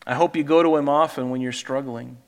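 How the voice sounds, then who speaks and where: A man's voice: mid-range voice, steady tone, fairly quick, a little mellow, big-room sound. A man preaching a sermon as pastor, reading scripture emphatically and breaking in with earnest asides.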